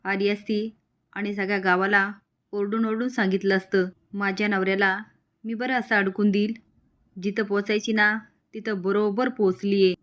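A woman's voice: medium pitch, flat delivery, moderate pace, a bit bright, natural voice. A woman doing a sly scheming wife. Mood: scornful. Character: scheming young village wife, cold and sly.

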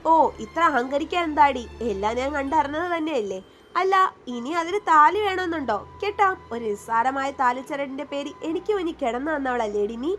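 A woman's voice: high-pitched, lively intonation, normal speed, a bit bright, soft background music. A woman voicing an arrogant, mocking young man in a spoken romance story. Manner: sneering, taunting.

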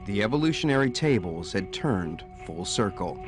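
Speaking at normal speed in a somewhat low, sing-song voice, a man narrates a dramatic, scripted nature documentary with a storyteller's flair. Background music sits beneath the narration.

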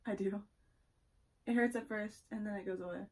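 A woman's voice: medium pitch, fairly even intonation, moderate pace, a little mellow. A young woman chatting casually and teasingly as co-host of a challenge vlog in a room at home. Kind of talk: casual chat. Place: small room at home, indoors.

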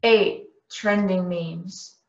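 A woman's voice: on the low side, steady tone, extremely slow, vocal fry, darkish tone. A woman giving a dramatic reading of a parody carol. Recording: echoey, distant, dull video-call audio.

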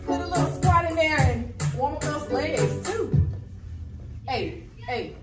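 A young American woman working as an aerobics instructor, calling out moves and counts to a group with energetic, drawn-out commands. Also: high voice. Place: large indoor hall with hard floor. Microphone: far camera. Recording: echoey room, distant mic, loud music. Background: loud workout music.

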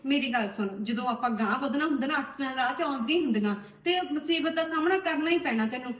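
A woman's voice: sits high, quick pace, fairly bright tone. An actress playing a caring young sister-in-law, coaxing and comforting a crying girl. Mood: soothing. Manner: soothing, coaxing. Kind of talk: web series drama acting. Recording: echoey room.

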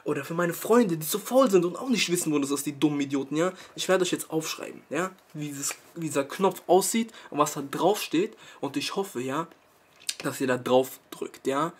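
Husky young man ranting at viewers. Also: on the high side, moderate pace. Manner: exasperated, scolding, tags sentences with "ja?". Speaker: YouTuber. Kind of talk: mock-serious rant to camera.

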